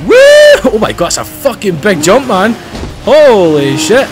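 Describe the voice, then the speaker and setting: A Scottish man hosting his channel, giving casual commentary on a driving game, excitable and swearing freely. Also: sits high, measured pace, over music. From Scotland. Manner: excitable, swears freely, loud outbursts and laughs while driving. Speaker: gaming channel host. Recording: loud game engine and tire noise behind voice. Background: racing game car engines and tire squeal.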